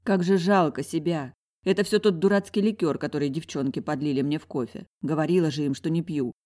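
Woman reading a first person story, wry and confiding, kinda lowish voice. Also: a little fast, mellow. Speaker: narrator. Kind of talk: first-person audiobook narration.

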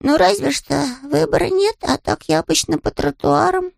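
A man's voice: extremely high pitch, normal speed, vocal fry, no echo, clean studio sound, voice pushed up, exaggerated voice. A man voicing a naive, polite young male bear in an audiobook, earnest and innocent in manner. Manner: earnest, innocent, matter-of-fact. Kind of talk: audiobook character voice.

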